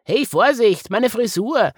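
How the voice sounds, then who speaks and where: A man's voice: sits high, lively intonation, takes it slowly, husky, dry recording, studio quality, pitched above the performer's own voice, exaggerated voice. Man doing a cheeky little hare. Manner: cheeky, slangy chatter. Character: small male toy hare, cheeky and grumbling.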